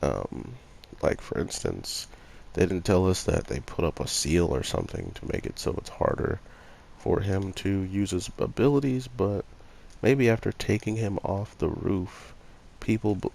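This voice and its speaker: A man's voice: deep voice, sing-song, moderate pace, gravelly, a little mellow. A young man with a stuffy cold, sniffling as he reviews an anime episode in a rambling casual chat full of fillers. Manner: rambling, many fillers like "like" and "you know".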